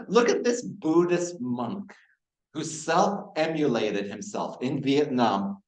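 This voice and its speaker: Animated male lecturer in an echoey hall. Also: medium pitch. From Iraq. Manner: animated, rhetorical questions to audience. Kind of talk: university lecture.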